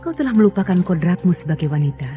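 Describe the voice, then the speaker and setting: A woman's voice: on the low side, lively intonation, racing. An actress voicing a stern, commanding queen in an old radio drama, with an authoritative, questioning manner. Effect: old radio show sound. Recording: thin, phone-like old radio play with music.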